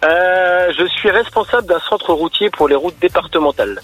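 A man's voice: high voice, a bit bright, breathy edge, faint music behind, rough recording. Hesitant man calling in to a radio quiz. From western France. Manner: hesitant, lots of pauses and fillers. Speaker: game show caller.

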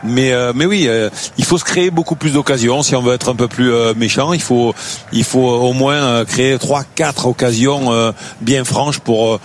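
A man giving live football analysis on radio, animated and full of fillers and restarts. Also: medium pitch, moderate pace, slight background noise. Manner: animated, many fillers and restarts, enthusiastic about the game. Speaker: football consultant.

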